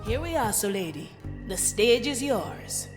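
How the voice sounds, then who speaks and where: Slow-talking, teasing game pirate. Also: female voice, fairly high pitch, big pitch swings, long reverb tail. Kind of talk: video game voice acting. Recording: music behind the voice.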